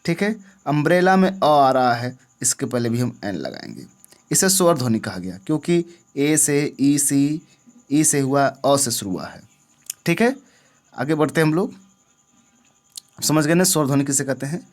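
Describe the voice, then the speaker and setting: His mid-range voice has a sing-song quality as this man teaches an English grammar lesson at normal speed with long pauses. He regularly quizzes the viewer to see whether they understand, classroom style.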